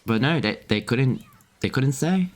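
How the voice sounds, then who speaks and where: A man's voice: medium pitch, animated, a little slow. A young man streaming a game, chatting casually and rambling with lots of fillers, restarts and little chuckles. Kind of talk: casual chat while gaming.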